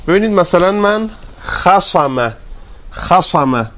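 A fairly high-voiced man teaching a grammar class, repeating word forms slowly and prompting his students to finish his sentences. He stays polite and patient as he goes through each step. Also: expressive, fairly bright tone. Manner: drawn-out repetition of word forms, quizzing students; polite and deferential to the class leader.

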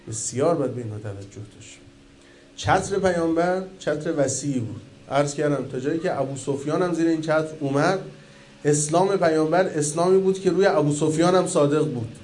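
A man preaching a religious sermon in colloquial speech, asking the audience questions and swinging between loud emphatic peaks and quiet low asides. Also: a little hiss or hum. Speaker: cleric preacher.

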